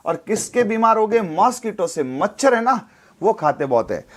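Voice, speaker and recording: Male chemistry teacher, high voice, repetitive call-and-response lecturing. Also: sing-song, moderate pace. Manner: repetitive, drilling, asks and answers his own questions.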